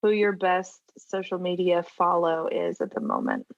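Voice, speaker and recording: A woman's voice: lowish voice, huge pitch swings, moderate pace, gravelly, no room sound. Thirties woman hosting a church parenting podcast; upbeat, light announcer tone, dry and slightly dull recording. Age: 30s. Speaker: podcast host, family pastor. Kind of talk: casual chat, hosting.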